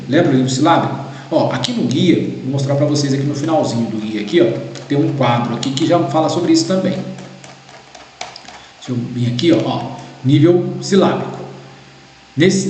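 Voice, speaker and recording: A man with a Brazilian Portuguese accent explains a grading guide step by step and keeps checking in with his listeners. His voice sits a little high for a man. It rings through a very echoey room with a long reverb tail. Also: darkish tone, a little hiss or hum. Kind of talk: recorded lesson walkthrough.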